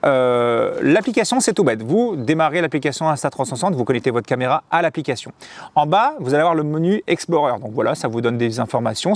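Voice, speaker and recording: A man's voice: medium pitch, no room sound. A man giving a casual, chatty camera demo straight to his viewers, full of slang. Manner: lively, chatty, addresses viewers directly with slang. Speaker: motorcycle vlogger reviewing a camera. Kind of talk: casual product demo vlog.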